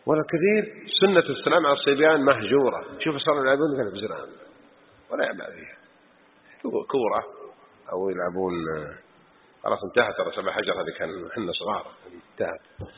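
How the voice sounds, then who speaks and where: A man leads a religious lesson at a mosque, admonishing his listeners through rhetorical questions. His voice is mid-range, and the tinny, phone-like recording picks up a reverberant hall plus a little hiss or hum.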